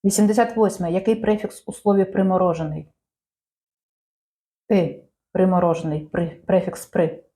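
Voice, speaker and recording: A woman reading out language quiz questions and answers in a measured, clear teaching manner. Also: on the low side, level tone, warm tone. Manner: measured, clear dictation-like delivery.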